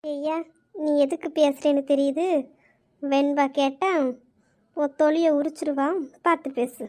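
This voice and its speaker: A woman voicing a fond, teary old grandmother who dotes on her grandchildren and scolds them gently. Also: high voice, level tone, unhurried. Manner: affectionate, shy, scolding. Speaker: grandmother character. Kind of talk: web drama voice acting.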